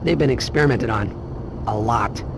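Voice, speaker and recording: A man's voice: medium pitch, moderate pace, creaky, noisy background, lightly acted. A man playing a cocky, playful young superhero in a video game, quippy, sarcastic and chatty. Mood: mocking, cheeky. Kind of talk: video game cutscene voice acting. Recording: loud music over the voice.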